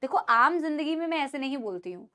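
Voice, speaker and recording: A woman teaches biology online in a high, expressive voice, speaking fairly quickly. She has an Indian accent, mixes Hindi with English, coaxes her students as "beta," and admits she usually shouts during class.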